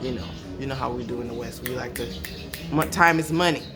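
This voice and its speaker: A woman's voice: rumbling low, fast, music in the background. A woman in her thirties with an American accent, chatting casually and slangily to her vlog viewers. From Los Angeles, USA. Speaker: vlogger.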